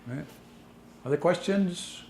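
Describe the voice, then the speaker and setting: A man's voice: high-pitched, slow, vocal fry, a little mellow. A man presenting at a conference session, answering audience questions in a plain, matter-of-fact way. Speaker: language teacher presenting a session. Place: conference breakout room. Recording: echoey room, mic from a distance, faint noise.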